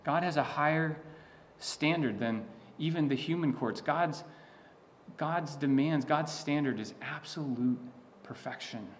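A man's voice: on the high side, a little slow, a little hiss or hum. A man preaching a sermon as a pastor, teaching in an earnest, emphatic way with frequent restarts and asides.

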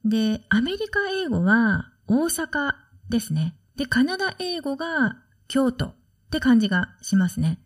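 A study-abroad consultant hosts her own solo podcast, talking in a relaxed, chatty manner and explaining things with soft asides. Her voice is high-pitched and her pace measured.

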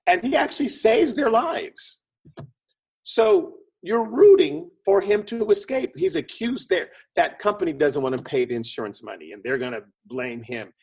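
A man whose voice is a little high, darkish in tone, and slightly rough chats as an interview guest. He's a film producer and script consultant, explaining ideas storyteller-style and acting out the quotes.

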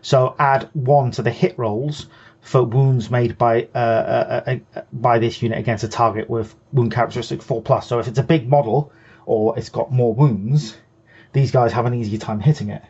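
A man's voice: mid-range voice, fairly even intonation, normal speed, darkish tone, breathy edge, highs cut off. A man co-hosting a hobby show, patiently explaining game rules in casual chat and often restarting his sentences. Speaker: co-host.

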